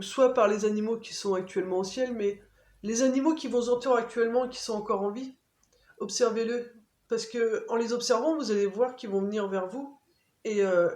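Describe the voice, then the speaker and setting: A woman giving an oracle card reading to her viewers in a gentle, soothing way, often pausing on fillers. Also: on the high side. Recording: echoey room.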